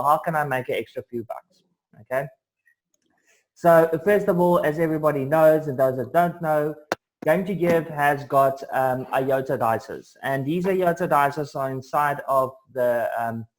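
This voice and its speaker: A man presenting an online sales pitch over a video call, upbeat and salesy, with plenty of ums and uhs. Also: poor audio.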